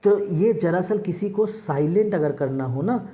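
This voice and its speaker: In a classroom lecture, a male teacher explains English words in an animated, unhurried way, his voice high with a dark tone. He keeps asking whether the students got it.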